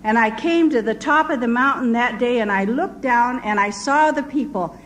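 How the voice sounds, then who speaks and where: An older woman giving a personal testimony, telling stories and voicing the people she met with lively quotes. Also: on the high side, normal speed, poor audio. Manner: storytelling, quoting villagers in lively voices. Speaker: missionary speaker.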